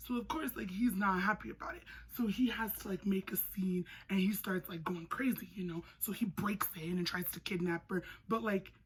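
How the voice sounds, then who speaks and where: A young woman giving a casual, comedic recap in an animated, sarcastic way, with slangy phrasing and a husky, breathy voice. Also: medium pitch, slight background noise, rough recording. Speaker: movie reviewer.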